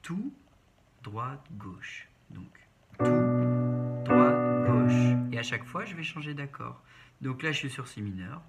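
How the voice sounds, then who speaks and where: A man with a creaky, medium-pitched, sing-song voice takes it slowly as he teaches piano step by step, naming notes one by one in short instructional phrases. Keyboard piano playing can be heard over his voice.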